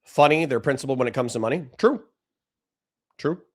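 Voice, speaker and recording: A dry-voiced man at medium pitch, his intonation lively, delivers blunt, profane political commentary to a livestream chat. He restarts his sentences quickly.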